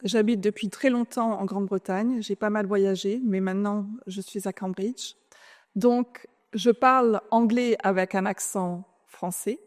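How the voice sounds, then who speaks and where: A woman's voice: medium pitch, fairly even intonation, unhurried. French woman speaking in a reverberant hall. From France. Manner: hesitant, friendly, asks the audience questions. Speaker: invited speaker. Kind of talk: conference keynote talk. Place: large event hall. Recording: long reverb of a large hall.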